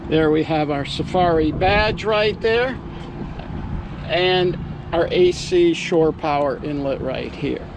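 A man with a fairly high voice talks slowly and deliberately as he points out one feature after another, like a broker selling a boat. He is outdoors at a marina, and steady outdoor noise sits clearly behind him. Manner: upbeat salesman pitch, pointing out features. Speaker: yacht broker giving a boat tour. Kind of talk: walkthrough tour narration.

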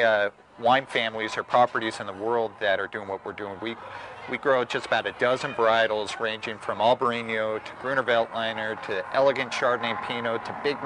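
A winery owner being interviewed, speaking in a relaxed and proud way with frequent fillers. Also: male voice, medium pitch, noisy background. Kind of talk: casual interview. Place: outdoors at a winery.

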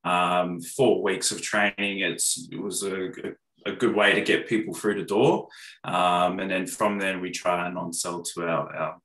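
A man in his thirties, a gym owner, answering interview questions on a video call with steady talk and many ums. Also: deep voice, measured pace, roomy sound, low-quality recording. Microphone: video call webcam.

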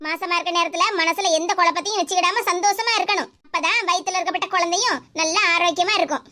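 A woman voicing a caring elder sister-in-law in an animated cartoon comedy, speaking with a Kanyakumari Tamil accent. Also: very high-pitched, quick pace. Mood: soothing.

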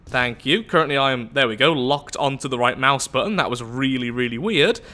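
A congested, nasal young man voices let's play commentary for a space game in a bright, forceful mid-range voice at a brisk clip. He's chatty, mocks himself, and thinks out loud as he plays.

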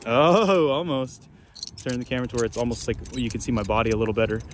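A man's voice: mid-range voice, steady tone, rapid-fire. A young man talking casually on camera about his hobby, in a laid-back style full of fillers. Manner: laid-back, filler-heavy, lots of "like" and "you know what I'm saying". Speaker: balisong flipping YouTuber. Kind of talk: casual rambling vlog talk. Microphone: camera mic while flipping on camera. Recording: noisy background, traffic and jangling sounds.

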